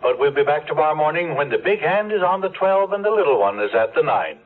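A man's voice: fairly high pitch, expressive, fast talker. An actor playing a pompous middle-aged male insurance boss reading a stiffly formal answering-machine message in a radio drama. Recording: tinny phone-line sound.

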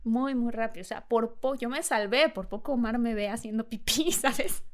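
A woman's voice: a little high, moderate pace. A woman, a podcast guest, telling a funny anecdote and acting out the voices, laughing often. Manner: lively storyteller, acts out voices and laughs often.

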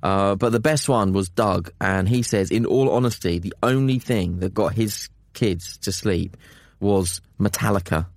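Gravelly British man, wry and informal. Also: fairly low pitch, a little slow, no echo, studio quality. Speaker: podcast co-host and father. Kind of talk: casual chat.

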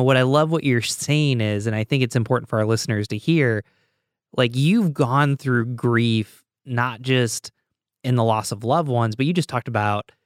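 Smooth-voiced podcast host man. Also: mid-range voice, no room sound, clean studio sound. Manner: casual, warm-up fillers before questions. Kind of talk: conversational podcast interviewing.

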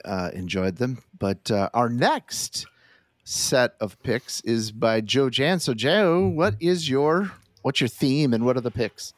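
A man's voice: medium pitch, takes it slowly, no room sound. A man co-hosting a casual podcast chat, steering the talk with a hesitant, filler-heavy delivery. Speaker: podcast co-host.

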